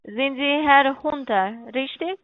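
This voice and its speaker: A woman's voice: high-pitched, slow, dry recording. A woman scam caller talking over a phone line, speaking broken German and repeating herself. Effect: heard over a phone line. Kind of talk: phone call.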